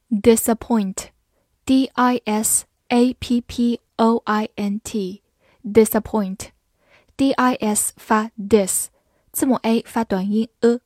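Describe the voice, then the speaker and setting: A woman teaching English vocabulary in a scripted lesson, spelling each word out letter by letter and reading example sentences slowly. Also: mid-range voice, darkish tone, dry recording, clean studio sound. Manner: spells words out letter by letter, slow model readings.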